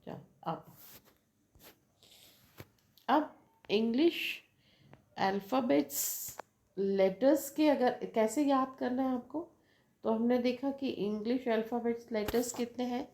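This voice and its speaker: A woman English teacher, explaining slowly and mixing in English phrases while checking in with her students. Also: on the high side, dark tone. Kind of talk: bilingual classroom explanation.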